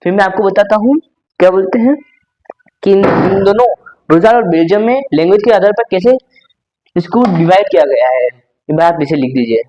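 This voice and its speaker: A man's voice: high-pitched, animated, fairly quick, mellow, lo-fi sound. A young man teaching a class lesson, explaining step by step, repeating himself and saying "okay" often.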